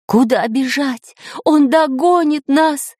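A woman's voice: low voice, expressive, slow, creaky, darkish tone, dry recording, studio quality, heavily acted. A woman voicing a learned male professor in a storybook reading, explaining and then crying out in alarm.

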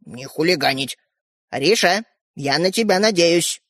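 A woman's voice: lowish voice, animated, unhurried, a bit bright, no room sound, clean studio sound. A woman voicing a caring grandmother who gives her grandchildren firm instructions in an audiobook.

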